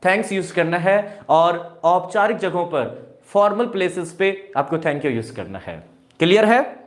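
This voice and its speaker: A man with an Indian accent teaches English in Hindi during a live online class from a classroom with a board. His voice is high, animated, and unhurried, and he keeps calling viewers "dear" while repeating each point.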